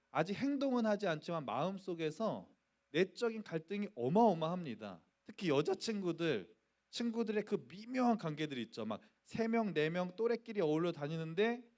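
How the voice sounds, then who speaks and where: A man's voice: on the high side, darkish tone. A middle-aged man, a pastor, giving a youth sermon in a church and telling a story while acting out the voices in it. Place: church sanctuary.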